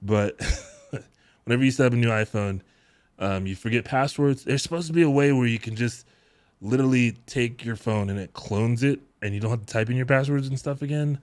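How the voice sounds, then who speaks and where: A man in his thirties with a deep voice hosts a live tech-deals stream from his home setup, chatting at a fairly quick pace in a relaxed, rambling way and chuckling often. He wears headphones and speaks into a boom mic close to his mouth, and the recording is dry.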